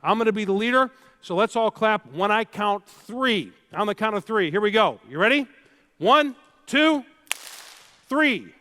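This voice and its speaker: A man's voice: high voice, moderate pace, few pauses. A man giving a keynote talk, telling a story and leading the audience in drills. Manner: animated, leads audience drills. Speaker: keynote speaker. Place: large hall before a live audience.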